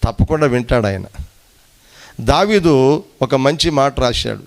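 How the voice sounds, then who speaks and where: A male pastor preaching emphatically, repeating phrases and swinging his voice between high rises and low drops. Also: lively intonation, unhurried, gravelly. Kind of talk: sermon.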